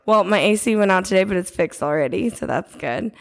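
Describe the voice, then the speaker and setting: A young woman co-hosting a casual podcast, with a voice of middling pitch. She speaks in an easygoing way and likes to tease. Her talk stays relaxed and chatty. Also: brisk, gravelly. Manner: teasing, easygoing. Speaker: podcast co-host. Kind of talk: casual chat.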